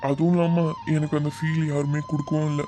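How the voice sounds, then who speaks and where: A man's voice: a little high, little pitch movement, fast talker, over music, lightly acted. A man voicing a heartfelt grieving young friend. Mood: sad. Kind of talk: animated drama dialogue.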